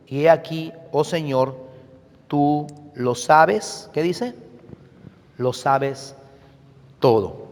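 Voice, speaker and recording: Male pastor, emphatic sermon delivery with questions to the flock; voice sits somewhat high; church-hall reverb. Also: darkish tone. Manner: emphatic, checks in with the congregation with questions.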